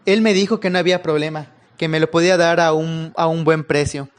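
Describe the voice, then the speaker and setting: Calm man narrating horror. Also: a little high, a little fast. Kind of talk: first-person horror story narration.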